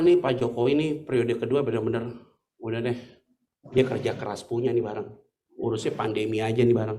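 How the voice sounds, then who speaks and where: Animated middle-aged male pastor preaching. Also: mid-range voice, slight background noise. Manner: animated, casual slangy storytelling with laughs. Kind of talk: sermon.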